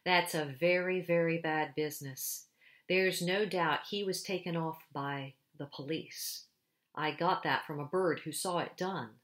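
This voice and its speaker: A woman's voice: sits low, fairly even intonation, unhurried, a bit bright. A woman doing an earnest male beaver. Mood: gloomy. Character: talkative gloomy male beaver, kindly. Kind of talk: storybook read-aloud.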